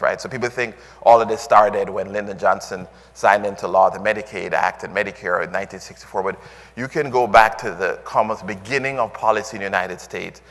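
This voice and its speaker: Low-voiced man speaking in a reverberant hall. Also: a bit bright. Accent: Jamaican. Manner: filler-heavy, restarts often, earnest. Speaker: conference speaker. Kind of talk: conference keynote talk.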